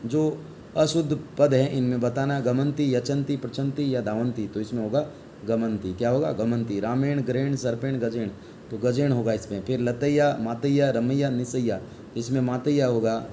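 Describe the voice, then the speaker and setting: A man's voice: mid-range voice, steady tone, normal speed, mellow, a little hiss or hum. A male teacher giving an online class lesson, reading Sanskrit text aloud and explaining it in Hindi, asking the class questions and answering them himself.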